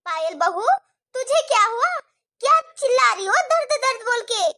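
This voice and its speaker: A woman's voice: very high-pitched, sing-song, moderate pace, no room sound, clean studio sound, full character voice. A woman voicing a nagging, taunting middle-aged mother-in-law in a cartoon story. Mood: accusing. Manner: sharp, taunting, complaining.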